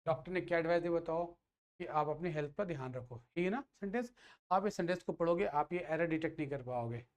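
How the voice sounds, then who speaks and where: A man with a brisk, somewhat high voice gives a grammar lecture in class. He fires questions at students and answers them himself.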